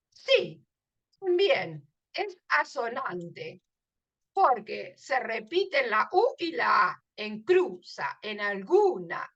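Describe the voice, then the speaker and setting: A woman's voice: on the high side, a bit bright, lo-fi sound. A woman explaining a literature lesson, emphatic and often checking in with her listeners. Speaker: literature teacher.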